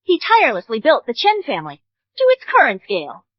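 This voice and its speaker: Shrill, snobbish rich mother-in-law. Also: huge pitch swings, a little fast, no room sound, exaggerated voice. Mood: scornful. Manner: haughty, insulting. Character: snobbish, scornful wealthy middle-aged mother-in-law. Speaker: groom's mother. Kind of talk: English drama dub. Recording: dull dry studio dub.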